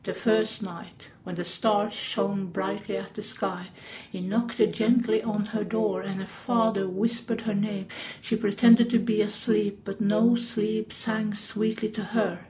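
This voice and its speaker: A woman tells a fairy tale slowly and deliberately at a middling pitch. She sometimes turns to address the listener directly. Faint room noise lies under her voice. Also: level tone, mellow. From Norway. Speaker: storyteller.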